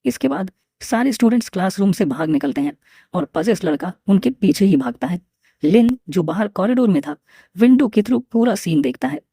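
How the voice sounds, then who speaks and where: Woman narrator, steady storytelling, dark warm tone, dry close sound. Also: mid-range voice, normal speed, husky, no room sound. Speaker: manhwa recap narrator.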